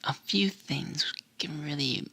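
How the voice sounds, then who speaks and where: A woman whispers an ASMR bedtime talk close to the ear. Her hushed voice is very breathy and low, with a creaky edge. She takes her time, gentle and soothing throughout. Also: slow. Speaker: ASMR creator and host.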